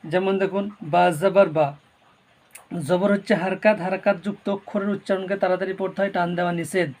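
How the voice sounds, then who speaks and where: A man teaching Quran reading, spelling out syllables slowly and repeating each word, then explaining the rules more quickly. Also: high-pitched, flat delivery. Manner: explains rules quickly and softly between drills. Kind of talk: slow drilled recitation lesson, spelling out syllables.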